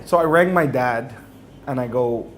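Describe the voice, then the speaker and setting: A man's voice: medium pitch, measured pace, slight background noise. A religious speaker, a man, telling a humorous personal story to an audience, acting out the dialogue and often laughing.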